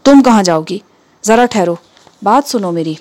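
This is a woman reading the part of a calm, practical mother in a told story. She talks in a steady, reassuring way with a firm edge. She sounds close to the narrator's own voice. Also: mid-range voice, lightly acted. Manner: soothing yet firm.

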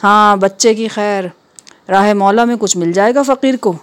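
A woman reading the part of a male beggar calling out a slow, chanted plea. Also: medium pitch, clean tone, lightly acted. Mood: pleading. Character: begging male street mendicant.

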